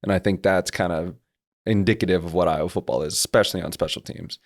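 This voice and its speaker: A man's voice: sits low, fairly even intonation, fast talker. A man co-hosting a sports podcast, breaking down plays in a laid-back way. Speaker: podcast co-host. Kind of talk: casual sports podcast chat.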